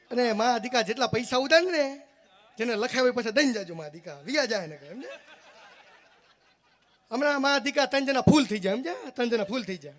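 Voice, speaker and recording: A man telling comic stories live on stage, joking and teasing the audience directly. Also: extremely high pitch. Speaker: folk stage comedian.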